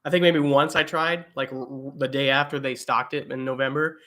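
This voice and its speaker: A man's voice: mid-range voice, flat delivery, fairly quick, bright, forceful tone. A young man hosting a casual livestream, reading viewer comments and rambling with lots of fillers and restarts from home. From eastern United States. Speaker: livestream host. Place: home, indoors.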